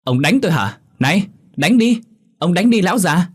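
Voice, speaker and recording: A man voicing a rude, defiant young daughter who mocks and shouts insults at her parents, in a spoken horror story. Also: sing-song, moderate pace, breathy edge, exaggerated voice. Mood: scornful. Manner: shrill, mocking, shouting insults.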